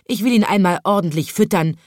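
A woman voicing a short-sighted, grumpy father stork in a children's storybook, with a blustery, shouting manner. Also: mid-range voice, fairly quick, no room sound, clean studio sound, lightly acted. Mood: gruff.

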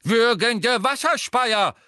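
A man voicing a fussy, indignant old male examiner who protests in a drawn-out, fussy way in an audiobook reading. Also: very high voice, lively intonation, pushed and bright, no echo, clean studio sound, voice pushed up, exaggerated voice.

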